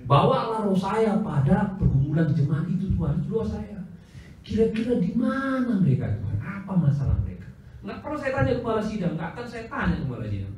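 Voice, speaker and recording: A man preaching at a church seminar, telling stories loudly and acting out the voices of the people in them. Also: sits high, recorded from a distance, slight background noise. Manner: animated, acts out voices of people in his stories; loud, forceful preaching. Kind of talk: storytelling sermon at a church seminar. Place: church hall. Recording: very echoey hall, voice from off-mic.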